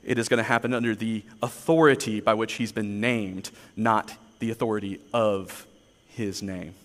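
A man's voice: lowish voice, steady tone, normal speed, long reverb tail. A man preaching a sermon, telling personal stories in a conversational, earnest, self-deprecating way. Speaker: pastor.

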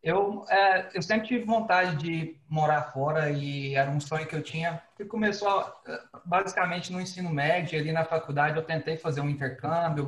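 A man's voice: on the high side, fairly bright tone. A man from Goiânia with a Goiás accent, a podcast guest telling his story in a friendly way. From Goiânia, Brazil. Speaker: podcast guest, immigration consultant. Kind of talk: casual podcast conversation. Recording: echoey room.

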